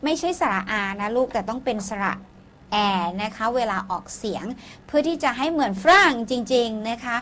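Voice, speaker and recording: A woman teacher giving a classroom lesson, leading the students through vocabulary drills with slow, clear model words. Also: fairly high pitch, expressive, fairly bright tone, slight background noise.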